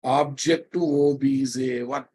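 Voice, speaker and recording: A man's voice: mid-range voice, fairly even intonation, takes it slowly, warm tone, slightly rough. A man with a Telugu Indian English accent lecturing live as a programming instructor, emphatic and repetitive, prodding and chiding his students with questions.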